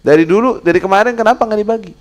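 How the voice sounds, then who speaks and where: Angel of death, voiced by a man, stern, scolding, loud, raised pitch, gravelly. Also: expressive, racing. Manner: loud reproaching questions.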